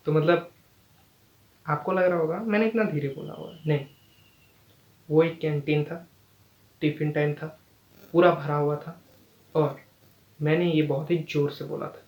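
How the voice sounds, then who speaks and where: A young man performing a stand-up storytelling monologue and acting out the people in it with lively jumps in his voice. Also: a little high, measured pace, long pauses, highs cut off. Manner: animated, acts out quoted lines with sudden loud jumps. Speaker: stand-up comedian and channel host. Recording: echoey room with faint noise.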